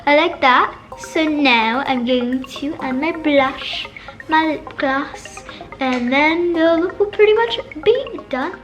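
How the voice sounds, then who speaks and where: A woman's voice: high voice, slow pace. A woman casually talking through a makeup tutorial, chatty, with lots of fillers and self-corrections. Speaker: makeup vlogger. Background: background music.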